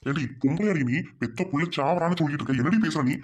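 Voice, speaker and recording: A man's voice: a little high, fast talker, darkish tone, lightly acted. A man playing a stern rebuking husband. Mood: angry. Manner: angry, rebuking. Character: stern older husband rebuking his wife.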